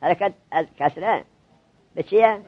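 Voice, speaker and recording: A man teaching a classroom grammar lesson to seminary students, drilling them with quick questions. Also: sits high, slightly rough, highs cut off.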